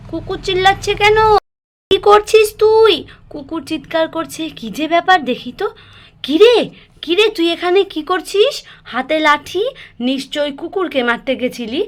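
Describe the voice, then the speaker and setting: A woman playing a bossy, scolding big sister in a doll story, who turns soft and soothing to calm a dog. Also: very high-pitched. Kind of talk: scripted doll story acting.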